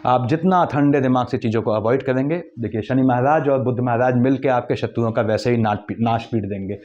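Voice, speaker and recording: A man giving a quick, lecturing astrology forecast, weaving English terms into his explanations. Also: medium pitch, darkish tone, highs cut off. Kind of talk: monthly horoscope talk.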